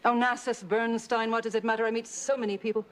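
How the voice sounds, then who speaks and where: A woman's voice: fairly high pitch, little pitch movement, fast, a little hiss or hum, lightly acted. An actress playing a grand, name-dropping society woman who chairs a charity league, in a sitcom. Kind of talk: sitcom acting.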